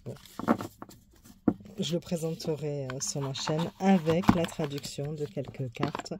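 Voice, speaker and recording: In a very noisy recording, a woman with a deep voice and measured pace reviews her tarot card decks on YouTube. She keeps it casual and chatty, with plenty of asides, fillers and small laughs as she shows them off.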